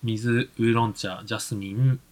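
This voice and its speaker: A man co-hosting a podcast in relaxed casual chat, laughing often. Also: on the low side, normal speed. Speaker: podcast co-host.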